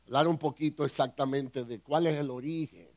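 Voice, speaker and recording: A man, a pastor and counselor, praying earnestly and then teaching a conference workshop in a measured way. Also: medium pitch, steady tone, a little mellow, no room sound.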